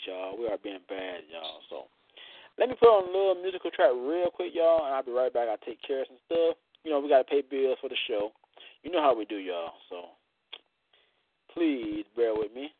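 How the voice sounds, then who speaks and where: A man hosting a casual live internet radio show, playful and loud, full of "y'all" and laughter. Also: medium pitch, dry recording. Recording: tinny phone-like line.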